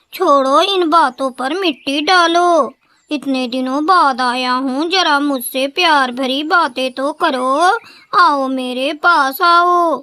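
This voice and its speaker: A woman's voice: sits high, pushed and bright, dry recording, full character voice. A woman voicing a young male crow in a cartoon, an easily swayed son who speaks in a coaxing way.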